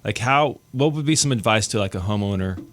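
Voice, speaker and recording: A man's voice: lowish voice, animated, fairly quick, a bit bright. A man hosting a radio chat show, jokey and chatty with lots of fillers. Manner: jokey, chatty, uses "like" a lot.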